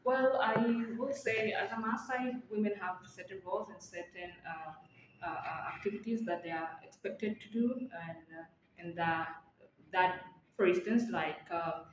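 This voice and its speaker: A woman from Tanzania answers interview questions in a fairly low voice, pausing often and restarting her phrases. The audio is echoey and a little dull, with faint noise behind her. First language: Maa. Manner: hesitant, many fillers and restarts.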